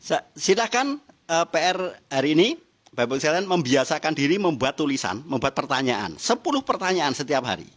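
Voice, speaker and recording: A middle-aged man leads a motivational seminar. His voice sits high, and he keeps firing questions at the audience and chuckling at his own points. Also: fairly quick. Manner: lively, teasing the audience with questions and laughing. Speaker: business motivational trainer.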